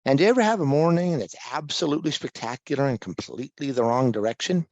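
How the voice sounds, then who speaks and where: A man from Kansas giving a relaxed slide talk to a live audience on a microphone that pops, thinking aloud with small restarts. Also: medium pitch, quick pace, no echo, dull audio. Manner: easygoing and self-deprecating, thinking aloud with restarts. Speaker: guest presenter at a photography talk. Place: library meeting room. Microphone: handheld or stand microphone with popping plosives.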